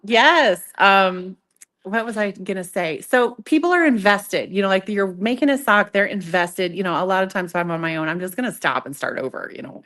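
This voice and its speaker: A woman leads a live, hands-on workshop in a casual voice. She is chatty and playful, interrupts herself often and gently mocks herself as she explains. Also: medium pitch, animated, moderate pace. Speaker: craft instructor demonstrating sock knitting. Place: live in-person event with an audience. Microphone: event microphone.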